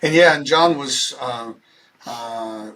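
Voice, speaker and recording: A man's voice: medium pitch, takes it slowly, sharp tone, rough recording. A man hosting a faith interview, affirming his guest and reflecting thoughtfully on what he says. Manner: affirming, frequent "yeah" backchannels. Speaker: podcast host.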